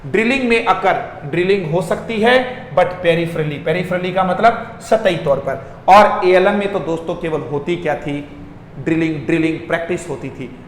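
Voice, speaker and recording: A man teaching an online English class, energetic and often asking students to repeat after him. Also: fairly high pitch. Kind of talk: online lesson in Hindi mixed with English. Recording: echoey room with long reverb and faint noise.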